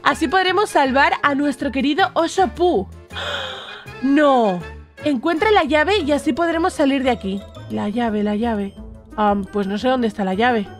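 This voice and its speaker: Excitable high-voiced woman from Spain. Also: normal speed, soft background music. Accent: Spain Spanish. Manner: excitable, bursts into shrieks at scares; reads game chat aloud in a flatter voice. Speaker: gaming YouTuber host. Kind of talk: casual let's-play commentary.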